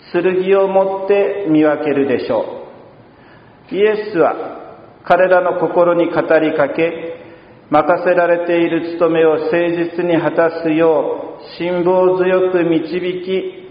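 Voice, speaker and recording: Unhurried priest preaching in a roomy church. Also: male voice, a little high. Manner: calm, measured preaching with long pauses. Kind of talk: sermon. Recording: dull, roomy church sound from a distance.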